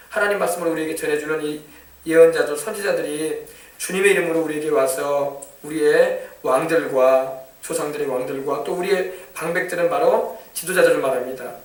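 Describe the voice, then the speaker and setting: A man's voice: fairly high pitch, fairly even intonation, moderate pace, echoey room, recorded from a distance. A male pastor preaching a sermon in a conversational way, acting out what parents and children would say. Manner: conversational preaching with acted-out family quotes. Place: church sanctuary.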